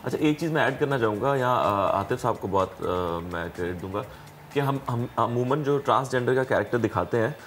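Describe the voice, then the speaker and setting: A man's voice: medium pitch, lively intonation, a little fast, slight background noise. A man, a film guest on a TV talk show, speaking hesitantly with many filler sounds. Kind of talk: casual studio interview.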